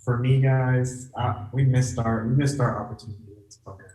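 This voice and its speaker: A man hosting a live trade room, excitable and chatty, addressing the group directly. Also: mid-range voice, normal speed, reverberant, distant mic, rough recording. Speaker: trade room signal host. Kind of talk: casual live trading chat.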